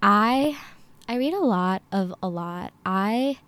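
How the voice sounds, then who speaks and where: A young adult woman from the United States, talking casually as a podcast guest, relaxed and chatty with lots of fillers. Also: mid-range voice, slow, clear, resonant tone, no room sound.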